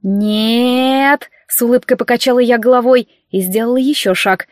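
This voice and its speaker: Woman, audiobook narrator, first-person story, wry and lively, fairly high voice, dry close sound. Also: fast, dry recording. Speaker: audiobook reader.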